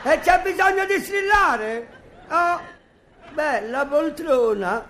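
A man's voice: very high-pitched, expressive, slow, sharp tone, some chatter behind, slight background noise, heavily acted. A man voicing a cheeky, wisecracking little boy in a vintage radio comedy sketch, drawling and mock-melodramatic. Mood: mock-tragic.

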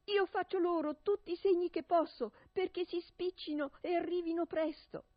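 A woman's voice: steady tone, normal speed, no room sound, muffled recording. A woman reading a radio storybook, voicing an anxious young sister who calls down from a tower. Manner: calling out, high and strained.

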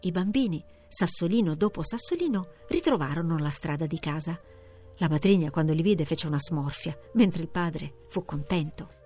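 A woman reading a fairy tale aloud in a measured storytelling manner, slowing down for effect. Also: deep voice, lively intonation, dark tone, slightly rough, soft background music. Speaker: storybook reader. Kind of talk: scripted fairy-tale narration.

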